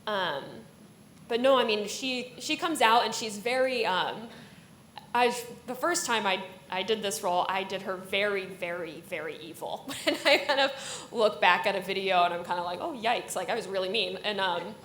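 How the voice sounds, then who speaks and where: A woman's voice: medium pitch, normal speed, fairly bright tone. A woman ballet dancer in a conversational interview, telling a story with lots of fillers and animation. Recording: roomy with faint noise.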